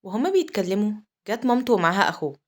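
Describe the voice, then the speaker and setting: Egyptian woman narrator, rapid recap delivery, middle pitch. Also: very animated. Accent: Egyptian Arabic. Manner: rapid storytelling, quoted lines read plainly. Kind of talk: fast manhwa recap narration.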